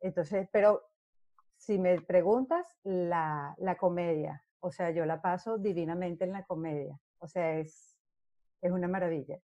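A middle-aged actress tells stories in a casual interview and acts out the scenes as she goes. Her voice is mellow and dark. The sound is dry and close. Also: lowish voice, measured pace, no echo. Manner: animated storyteller who acts out scenes.

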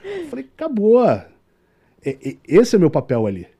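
Brazilian guy spinning a story in a podcast chat, voice jumps all over, kinda husky and mellow. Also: a little high, fast. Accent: Brazilian Portuguese. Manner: animated storyteller acting out quoted dialogue. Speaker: tour guide guest.

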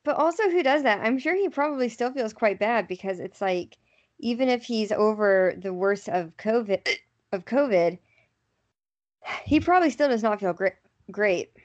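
A woman's voice: a little high, expressive, moderate pace, dull audio. A woman co-hosting a podcast in casual chat, rambling with lots of "like" fillers. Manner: chatty, filler-heavy with lots of "like". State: hiccuping.

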